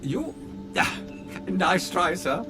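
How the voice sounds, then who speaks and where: A man's voice: high voice, wildly swooping pitch, takes it slowly, exaggerated voice. A man voicing a polite, fawning male butler robot who is formal and obsequious and calls his master sir, in video game dialogue. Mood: deferential. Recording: game audio with background music.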